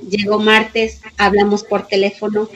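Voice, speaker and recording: A woman's voice: mid-range voice, completely flat delivery, unhurried, a bit bright, highs cut off, a little hiss or hum. Mother telling an emotional story. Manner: emotional storytelling, reenacting dialogue, repeating phrases. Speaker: grieving mother of a police officer. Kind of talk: personal testimony in an interview.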